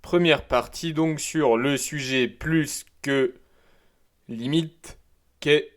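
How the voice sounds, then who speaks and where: A man's voice: on the high side, very slow, over loud music. A man hosting a prepared solo talk show, delivering an opinionated, provocative monologue with wordplay asides and frequent hesitations. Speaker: show host.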